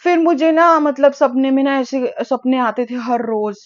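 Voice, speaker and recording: A young woman vlogger telling a storytime in a casual, animated way, mixing Hindi and English with lots of fillers. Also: high-pitched, unhurried. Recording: dull lo-fi audio.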